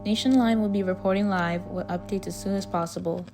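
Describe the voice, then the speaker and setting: A woman's voice: medium pitch, steady tone, a little fast, lightly acted. Woman acting as 1940s war radio newswoman, solemn, patriotic, formal read-out, music behind. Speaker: radio news reporter. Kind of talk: scripted 1940s radio news report.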